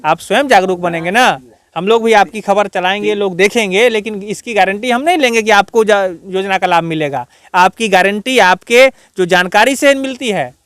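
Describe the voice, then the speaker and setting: A man's voice: high-pitched, moderate pace, fairly bright tone, smooth, no room sound. A man reporting from a village gathering, questioning people and earnestly urging them to be aware of their rights. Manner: earnest, lecturing, urges civic awareness. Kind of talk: field interview.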